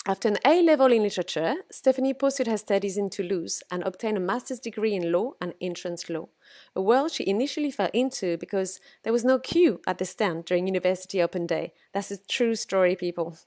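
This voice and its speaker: A woman podcast host and yoga teacher, whose accent blends French and South African, reads a playful scripted introduction and then asks interview questions. Her mid-range voice has a darkish tone, and she adds teasing asides.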